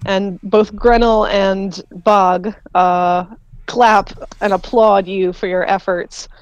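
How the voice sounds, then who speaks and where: A woman narrating a tabletop game as game master, halting with many fillers and often laughing. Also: medium pitch, steady tone, smooth, dry recording, muffled recording.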